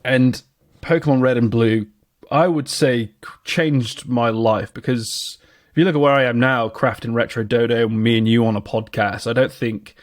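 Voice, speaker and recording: A man's voice: medium pitch, fairly even intonation, moderate pace, no room sound, studio quality. A British man co-hosting a podcast, chatting casually and enthusiastically about nostalgic memories. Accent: British English. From Britain. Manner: enthusiastic, nostalgic, restarts often. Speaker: podcast co-host.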